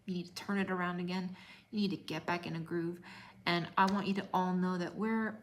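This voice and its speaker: A woman's voice: fairly low pitch, fairly even intonation, fairly quick, slight background noise. Impassioned woman coach, repeating herself. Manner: impassioned, repeats lines for emphasis, drops to whispers. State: emotional. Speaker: fitness coach. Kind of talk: motivational livestream talk.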